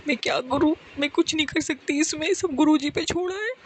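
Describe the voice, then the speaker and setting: A young woman tells a personal testimony to a congregation from home, speaking softly and pleading, with frequent direct address to her listeners. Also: high voice, brisk. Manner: speaks softly and hushed on purpose. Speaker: devotee sharing testimony.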